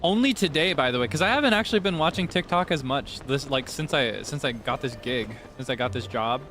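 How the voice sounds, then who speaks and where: Game music runs beneath a male livestreamer and VTuber as he chats casually and playfully with viewers. His mid-range voice is animated and brisk, and the background is noisy.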